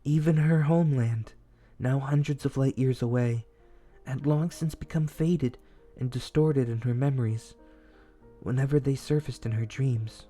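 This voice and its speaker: A young man voicing a shy, dutiful young male general who reads a bedtime story aloud in a whispered role-play, soft, earnest and easily flustered. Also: medium pitch, unhurried, faint music behind, lightly acted. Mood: gentle storytelling.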